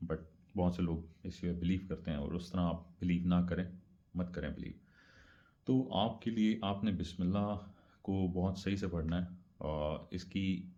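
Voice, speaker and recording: Man, low mellow voice, casual explainer, repeats points, dull lo-fi recording. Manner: conversational, repeats points, mixes English words. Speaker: speaker explaining religious practice. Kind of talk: casual religious explainer talk.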